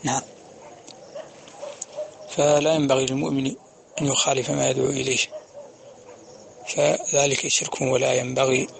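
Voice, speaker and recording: A man giving a religious lecture, explaining steadily and chanting quoted verses slowly. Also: mid-range voice, creaky, slight background noise. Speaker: preacher.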